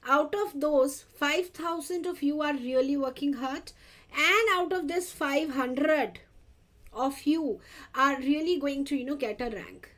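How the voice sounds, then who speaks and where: A woman with a North Indian accent lecturing exam students, switching between Hindi and English, addressing them directly and repeating key points. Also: high voice. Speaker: lecturer for dental entrance exam. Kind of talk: interactive exam-review lecture.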